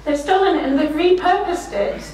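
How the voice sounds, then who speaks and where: With a high, slightly croaky voice and a moderate pace, a middle-aged woman gives a conference keynote from behind a lecture-room desk, full of warm, self-deprecating anecdotes and frequent laughter. A room mic far from her captures the echo of the space.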